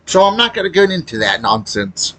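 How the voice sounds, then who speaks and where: As a gaming video creator, a man offers casual, unscripted opinions, halting as he talks and bluntly complaining. His voice sits high and sounds sing-song and bright, with a forceful tone.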